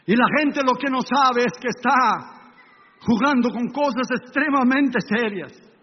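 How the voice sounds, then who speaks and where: A male pastor with a high-pitched voice preaches with dramatic emphasis and acts out sounds as he tells the story. His voice echoes through a church hall. The recording is dull and lo-fi, with a faint hiss behind him. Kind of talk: sermon.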